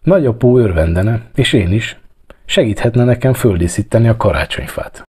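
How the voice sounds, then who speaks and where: A man voicing a shy, earnest ten-year-old girl who speaks softly. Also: on the low side, expressive, breathy edge, voice pushed up.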